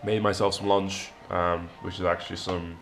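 A man in his twenties chatting casually to the camera at home, sounding tired and low-key, rambling with pauses. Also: little pitch movement, fairly bright tone, a little hiss or hum. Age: 20s. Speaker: daily vlogger. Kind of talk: casual vlog chat to camera. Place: home kitchen-living room, indoors. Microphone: camera at arm's length.

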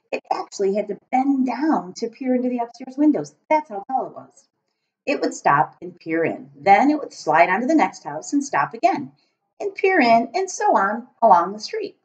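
Recorded on a laptop at home, this middle-aged teacher reads a children's book aloud, shaping each phrase deliberately and expressively. The webcam sits at arm's length in a small room beside the kitchen, giving her mid-range voice a dull lo-fi sound.

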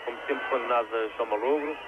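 A man with a European Portuguese accent giving measured, formally worded live football commentary. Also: mid-range voice. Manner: formal, wordy phrasing. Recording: tinny, very noisy 1980s TV broadcast. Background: loud stadium noise.

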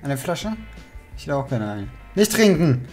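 Animated, high-voiced man streaming a game. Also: normal speed. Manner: playful, excitable. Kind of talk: casual, joking gameplay commentary. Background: video game music.

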